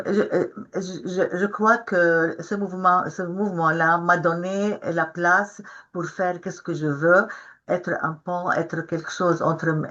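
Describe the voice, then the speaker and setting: A woman's voice: fairly low pitch, a bit bright, dull audio. An older woman from Israel speaking as a panelist, often stopping and starting again as she searches for her words. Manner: halting, searching for words, many restarts. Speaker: panelist, peace activist. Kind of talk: webinar talk, first recited then spoken freely. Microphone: video call.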